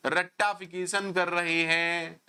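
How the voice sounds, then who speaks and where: A man's voice: sits high, level tone, takes it slowly, bright, forceful tone, slight background noise. A man giving an online programming lecture, scolding and sarcastic with his students. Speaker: programming teacher.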